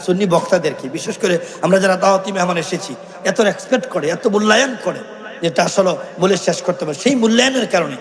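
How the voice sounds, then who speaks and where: A man's voice: high-pitched, brisk. A man preaching a fervent sermon at an outdoor religious gathering through a stage microphone, calling out to the crowd and breaking into devotional song. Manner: chanting, call-and-response with the crowd, bursts into song. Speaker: Islamic preacher. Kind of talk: impassioned Bengali waz sermon with sung devotional verses. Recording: echoey loudspeaker sound with long reverb.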